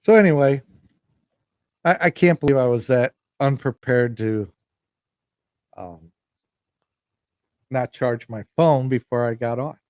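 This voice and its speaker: A male podcast host speaks at an unhurried pace with frequent pauses, his medium-pitched voice carrying a darkish tone. He rambles casually through a solo livestream on a phone mic, often repeating himself or starting sentences again. There's no echo, and the sound is studio-clean.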